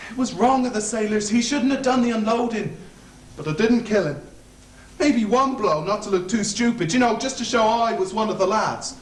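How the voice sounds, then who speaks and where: A man's voice: high voice, slight background noise, close to an everyday voice. A young man playing a fawning, anxious convict in a stage play, stammering and rambling, heard from far off on an echoey stage. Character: fawning anxious male Irish convict hangman. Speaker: student actor.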